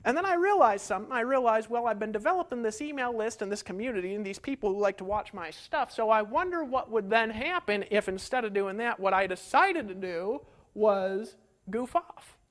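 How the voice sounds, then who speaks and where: Fired-up male marketing coach with a high voice, talking straight to camera in a folksy, rhetorical way. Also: brisk. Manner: energetic, folksy, full of rhetorical questions. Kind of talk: webinar teaching. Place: home setup in rural hills.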